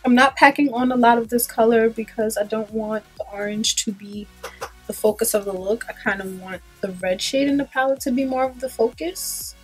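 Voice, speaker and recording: At a fairly high pitch and a moderate pace, a young woman in her twenties with a stuffy cold chats loosely through a makeup tutorial, with plenty of ums and likes. She's a beauty vlogger in a small room with a pink backdrop, and the rough recording carries soft background music.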